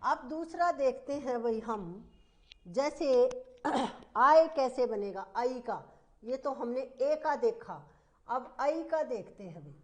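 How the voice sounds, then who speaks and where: A woman teacher giving a slow, repetitive grammar lesson, asking the class questions as she explains. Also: on the high side, animated. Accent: Hindi.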